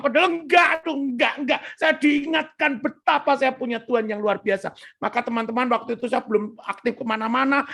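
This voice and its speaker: Gravelly man with preaching. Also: extremely high pitch. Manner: animated, keeps asking the audience for agreement. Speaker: lay preacher giving testimony. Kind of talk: storytelling sermon. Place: church fellowship meeting.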